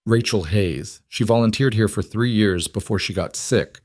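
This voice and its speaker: A weary, steady woman who runs a youth center, quiet and blunt in a storybook reading, as a male narrator voices her. The voice stays low, and the recording is dry and close. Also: moderate pace, no echo, lightly acted.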